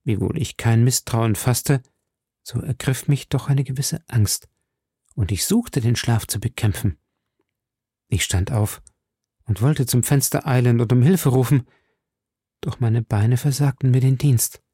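Man doing a cunning captive woman, theatrical, dark mellow tone, dry close sound. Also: medium pitch, a little slow, pauses often, slightly rough, dry recording. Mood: melancholy. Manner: pleading, theatrical, sometimes scornful. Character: cunning seductive woman prisoner, scheming. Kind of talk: audiobook character reading.

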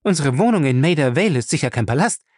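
A man reading aloud and voicing a frightened but sharp-tongued young wife in a raised, agitated voice. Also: a little high, expressive, fast, dry recording, clean studio sound, voice pushed up. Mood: frightened defiant.

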